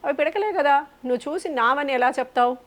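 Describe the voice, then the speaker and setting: Argumentative neighbor woman, raised higher voice, defiant put on by a woman storyteller. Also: brisk, close to an everyday voice.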